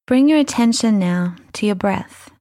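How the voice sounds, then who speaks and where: A woman leading a guided mindfulness meditation, speaking softly and soothingly, unhurried and gentle, with breathy phrase endings. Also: mid-range voice, lively intonation, no echo. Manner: soothing, unhurried, gentle instruction with long pauses.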